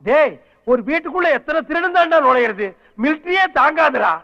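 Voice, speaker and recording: An actor playing a sarcastic, scolding comic lead in a film comedy scene, firing off quick insults. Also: male voice, extremely high pitch, expressive, no room sound. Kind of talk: Tamil film comedy dialogue. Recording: dull lo-fi film soundtrack.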